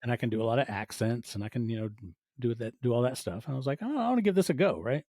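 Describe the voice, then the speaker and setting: Rapid-fire and expressive, a podcast guest who produces audio fiction tells casual stories in a medium-pitched, slightly mellow voice, acting out small quoted asides. He's a man in his forties, and the recording is dry, clean studio sound.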